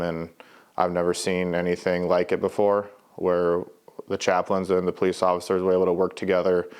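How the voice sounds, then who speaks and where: Very deep, flat-voiced man, earnest testimony. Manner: earnest, plain-spoken, with stumbles and repeats. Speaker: Explorers program leader. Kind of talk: documentary interview testimony.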